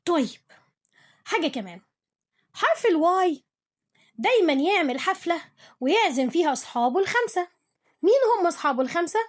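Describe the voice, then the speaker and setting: A young woman with an Egyptian Arabic accent and a high, bright voice runs a cheerful English lesson for kids. She poses little quiz questions to her pupil and praises every right answer. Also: sing-song, brisk, pauses often. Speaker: English teacher. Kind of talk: playful lesson for children.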